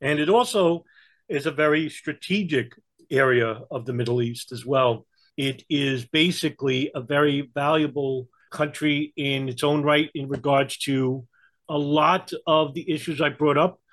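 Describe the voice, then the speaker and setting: A man with a New York accent giving conversational political and historical commentary, in a halting way with frequent hesitations. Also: fairly high pitch, fairly bright tone. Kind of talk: conversational explanation.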